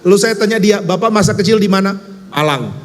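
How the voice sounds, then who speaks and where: A man from Indonesia preaching a conversational sermon, telling stories in a lively, wry, emphatic way. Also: sits high, fast. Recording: long hall reverb.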